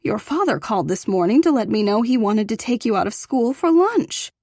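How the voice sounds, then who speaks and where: A woman voicing a fussy older female school receptionist who chatters primly and quickly. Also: on the high side, sing-song, darkish tone, no room sound, studio quality. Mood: fussing.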